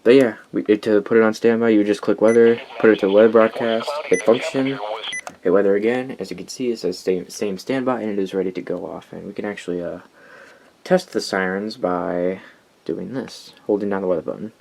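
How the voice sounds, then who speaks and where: A young American hobbyist collector shows off his weather radios in a casual, rambling show-and-tell sprinkled with enthusiastic asides. His voice is fairly low, steady, and gravelly, his pace brisk, with background noise present.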